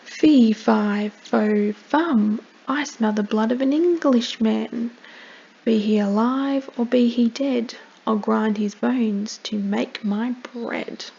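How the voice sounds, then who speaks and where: A roaring, menacing giant from a storybook, put on by a woman reading aloud. He chants his threats loudly and slowly in a gravelly voice. The sound is dull and lo-fi, with faint ambience behind it. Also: on the high side, exaggerated voice. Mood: booming.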